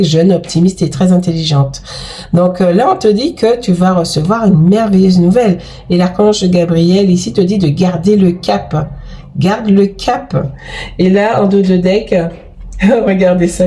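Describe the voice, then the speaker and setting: Despite having a cold, this woman delivers an effusive, chatty tarot reading to her viewers, peppered with exclamations and fillers. Her voice sits on the low side with a dark tone, and her pace is measured.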